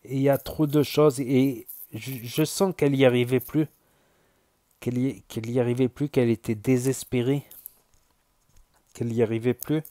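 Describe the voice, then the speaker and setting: A man with a southern French accent, a YouTuber talking casually to his viewers in a halting way, often repeating himself and using fillers. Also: mid-range voice, steady tone, warm tone, no echo, studio quality. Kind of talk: casual spoken commentary.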